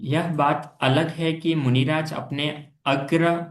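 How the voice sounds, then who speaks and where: Man, slightly higher voice, very slow careful reading, roomy echo. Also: fairly even intonation. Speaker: student reading aloud. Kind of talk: slow recitation of a text. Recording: echoey room.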